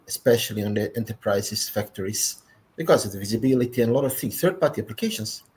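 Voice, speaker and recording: A native Croatian speaker with a noticeable accent and a mid-range voice sits on a panel in a technical discussion. He speaks emphatically and often closes his points with "yeah?"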